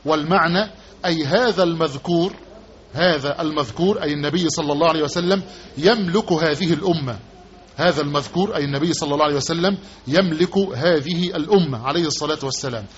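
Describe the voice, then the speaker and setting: Egyptian sheikh teaching, slightly high voice. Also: male voice. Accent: Egyptian Arabic. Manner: repeats key words and quizzes listeners with rhetorical questions. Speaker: sheikh teaching hadith commentary. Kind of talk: religious lesson. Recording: dull lo-fi lesson recording with faint background noise.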